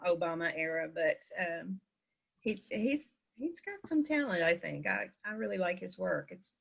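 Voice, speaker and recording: A woman's voice: lowish voice, very animated, moderate pace, creaky, breathy edge. A woman student talking casually in an online class over a video call, chatty and loose.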